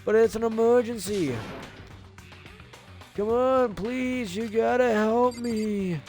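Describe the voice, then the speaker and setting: Game role: male player voicing a panicky teen girl, high slow stoner drawl, pleading. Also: a little mellow, soft background music, heavily acted. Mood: urgent pleading. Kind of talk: video game character voice-over.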